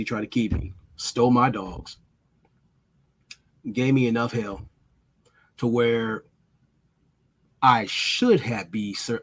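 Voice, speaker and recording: A man vlogging in a casual storytelling monologue, blunt and profane, with dramatic pauses. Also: fairly low pitch, fairly bright tone, husky.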